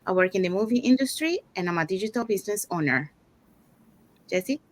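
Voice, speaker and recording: A woman's voice: medium pitch, lively intonation, fairly quick. Woman hosting a video call. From Panama. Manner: hesitant, many fillers. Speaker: host. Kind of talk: hosting online talk.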